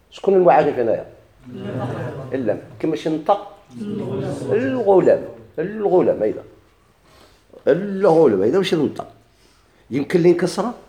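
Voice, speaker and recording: A man with a Moroccan Arabic accent teaching a grammar lesson, asking questions and answering them himself, and repeating key words slowly. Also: fairly high pitch, mellow, roomy sound.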